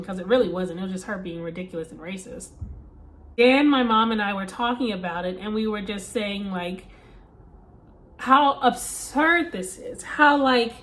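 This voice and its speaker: A woman vlogger casually retelling a story, animated and emphatic, with asides to her viewers. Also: mid-range voice.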